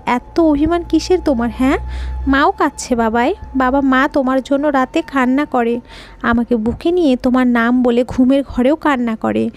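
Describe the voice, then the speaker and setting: A woman's voice: sits high, lightly acted. A woman voicing a grieving little girl pleading tearfully with her silent father in an audio story.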